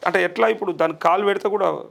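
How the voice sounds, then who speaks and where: A man's voice: high voice, racing, gravelly, a bit bright. A male journalist, interviewing people on the spot, coaxing them and repeating their answers back.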